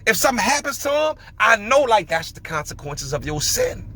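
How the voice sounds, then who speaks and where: A man's voice: sits high, fairly quick. A man hosting a podcast, telling stories and giving emphatic, slangy opinions in casual commentary. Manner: animated storytelling, emphatic, slangy. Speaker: podcast host.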